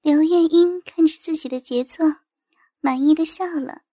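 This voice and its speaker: A woman reading a story as narrator in a steady, even manner. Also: high voice, normal speed, no echo, clean studio sound. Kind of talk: scripted narration.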